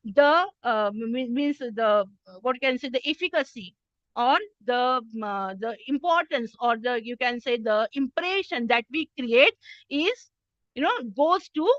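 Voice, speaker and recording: High-pitched Indian woman lecturing slowly. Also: expressive, a bit bright, dry recording, lo-fi sound. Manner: mixes Hindi and English, frequent "है ना?" checks; addresses listeners as "my children". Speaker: soft skills trainer. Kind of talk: classroom lecture.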